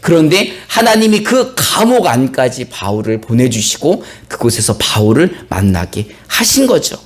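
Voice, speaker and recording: A male pastor preaching a sermon and reading scripture, telling the story with animated, acted-out flair. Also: mid-range voice, normal speed. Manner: animated storytelling, acts out biblical characters.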